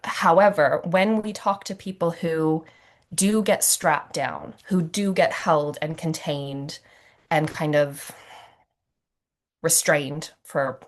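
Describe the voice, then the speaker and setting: A woman facilitating a trauma-informed masterclass on a video call, telling stories in a conversational way with fillers and acted quotes. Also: sits low. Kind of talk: teaching a recorded masterclass.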